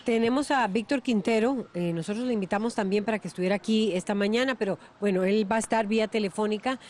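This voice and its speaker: Costa rican woman host in a tv studio, mid-pitched voice, faint noise, measured questions with some fillers. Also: a little mellow. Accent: Costa Rican Spanish. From Costa Rica. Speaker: morning news show host. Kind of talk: news interview questions.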